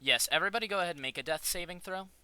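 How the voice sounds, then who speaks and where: A man's voice: high voice, rapid-fire, sharp tone, smooth, no room sound. A man running a tabletop game, narrating in a rambling way with frequent fillers and restarts. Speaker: game master.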